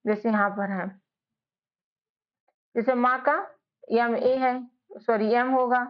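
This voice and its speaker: A woman's voice: fairly high pitch, fairly even intonation, slow. A woman teaching English spelling to beginners, drilling sounds letter by letter and often asking and answering her own questions. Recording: dull lo-fi audio.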